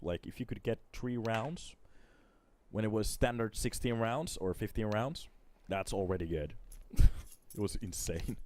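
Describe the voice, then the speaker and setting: A man's voice: on the low side, unhurried, a little mellow, slight background noise. A man doing casual live esports commentary and chatting with his viewers. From Finland. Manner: casual, chatty, talks to chat between plays. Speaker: esports caster.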